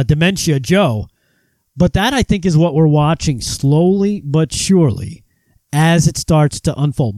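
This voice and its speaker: A man talks through a political commentary monologue in a voice that sits high and swings widely in pitch. He sounds mocking and animated, tripping over his words and restarting often. The sound is dry and close, with no room around it. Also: dry recording. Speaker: host.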